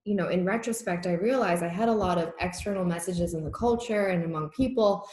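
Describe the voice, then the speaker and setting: Her voice sits on the low side with a darkish tone, and she speaks briskly. Originally a Korean speaker, this young Massachusetts woman is a guest in a casual, reflective video chat from her home, rambling, laughing a lot and filling pauses with filler words. The laptop mic captures a roomy echo.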